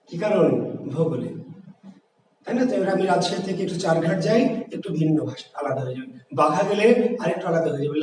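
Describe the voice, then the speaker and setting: A man's voice: high voice, a little mellow. A man from Bangladesh, teaching an exam-prep lesson, asking rhetorical questions and repeating key words. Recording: echoey room, voice from far off.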